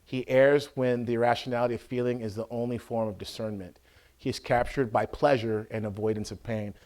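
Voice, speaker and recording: A man, an Orthodox priest, teaching in a conversational way, often checking that listeners follow and acting out scenes loudly. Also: mid-range voice, fairly even intonation, brisk. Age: adult with a school-age son. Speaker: Orthodox priest giving a talk.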